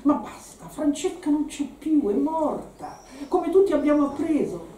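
A woman's voice: high-pitched, lively intonation, a little slow, dark tone, voice pushed up. A woman reading as a cold, resentful man. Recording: roomy live room from a distant mic.

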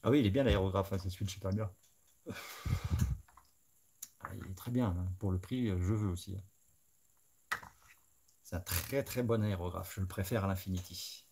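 A man hosts a live stream in a relaxed, chatty way, thinking aloud as he goes. His voice sits low and has a rough, gravelly texture. He addresses his viewers directly. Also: moderate pace, pauses often, slight background noise. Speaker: host of a live scale-modeling stream. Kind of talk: casual live-stream chat.

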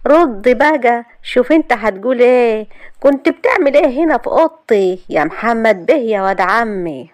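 A woman's voice: sits high, fast talker, dry recording, pitched above the performer's own voice, natural voice. A woman doing a feisty young bride. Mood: mocking. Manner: mocking, indignant retorts. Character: feisty young Upper Egyptian bride, sharp-tongued. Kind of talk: storytelling. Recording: dry close recording.

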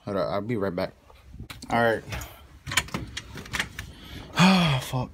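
With a slow, sing-song delivery on the lower side, a young man vlogs on a handheld phone, first indoors at home and then outside in his neighborhood. He rambles, mutters asides, and swears often, and the recording picks up plenty of noise.

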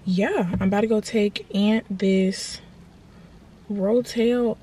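A woman's voice: mid-range voice, fairly even intonation, slow pace, dark tone, a little hiss or hum. A young woman chatting casually to her camera in a vlog, indoors at a relative's house, sometimes dropping to a near whisper. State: a bit out of breath. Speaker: vlogger. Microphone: handheld camera.

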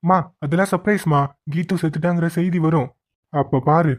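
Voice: medium pitch, fairly even intonation, a little fast, darkish tone, natural voice. A performer voicing a foolish, boastful young villain son in a cartoon, smug and whiny. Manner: smug, whiny when scolded. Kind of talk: cartoon voice acting.

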